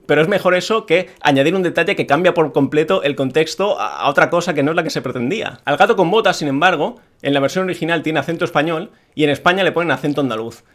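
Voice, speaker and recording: A man's voice: a little high, fast talker, few pauses, a bit bright. A man from Spain with a Peninsular Spanish accent, delivering an opinionated monologue as a video creator, with strong, emphatic criticism.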